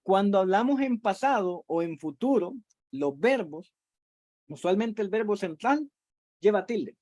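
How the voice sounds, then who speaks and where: A teacher giving an online class from home, explaining patiently, with frequent "eh" fillers and quick check-ins with the students. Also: medium pitch, expressive, darkish tone, dry recording, clean studio sound.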